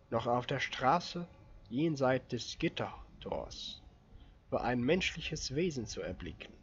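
A man narrating an audiobook in a steady, measured reading voice. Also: mid-range voice, highs cut off, slight background noise. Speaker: audiobook reader.

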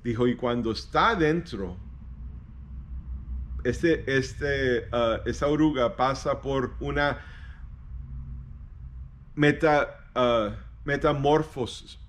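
Casting: male pastor, halting storyteller, light background hiss. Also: medium pitch, fairly bright tone. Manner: halting, repeats words, switches into English. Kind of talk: devotional storytelling sermon.

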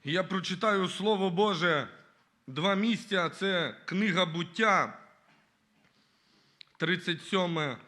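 Guy testifying in church, earnest, keeps saying you know, real sharp tense voice. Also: high-pitched, slow, long pauses. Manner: earnest, repeats "you know" and "brothers and sisters" often. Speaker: church member giving his testimony. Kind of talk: church testimony with scripture reading. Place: church service.

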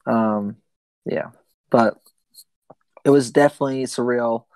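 Young male podcast host, casual and rambling, mid pitch, dry. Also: steady tone, measured pace, a little mellow, dry recording. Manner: rambling with many ums and restarts. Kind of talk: casual gaming podcast chat.

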